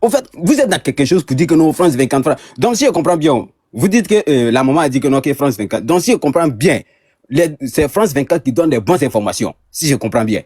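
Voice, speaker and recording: A man's voice: fairly high pitch, expressive, brisk, a little mellow, slightly rough, dry recording, clean studio sound. A man from Ivory Coast, a caller in a heated online debate, who stumbles and repeats words as he argues. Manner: hesitant, repeats words, gets defensive.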